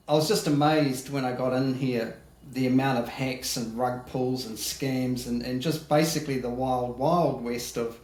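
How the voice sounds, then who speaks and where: Auditor guy explaining his job, lots of ums, echoey room, regular pitch. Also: darkish tone. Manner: plain, explanatory, with many ums. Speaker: guest security auditor. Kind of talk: casual interview answers.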